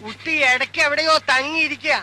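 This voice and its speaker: An actor playing a worried, deferential household helper in 1990s film acting. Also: male voice, very high voice, fairly even intonation, fast, heavy background noise. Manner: anxious, deferential. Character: worried male helper, respectful to his employer.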